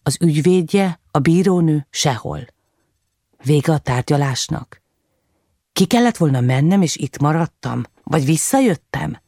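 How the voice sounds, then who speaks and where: Brief: woman narrator, audiobook reading, introspective, gravelly texture, dry booth. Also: low voice, expressive, mellow, no room sound. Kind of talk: first-person novel reading.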